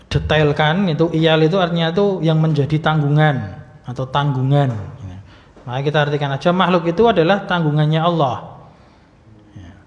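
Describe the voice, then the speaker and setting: A man teaching Arabic grammar in a religious study lesson, explaining patiently with many fillers and light humor. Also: a little high. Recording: muffled recording with long hall reverb.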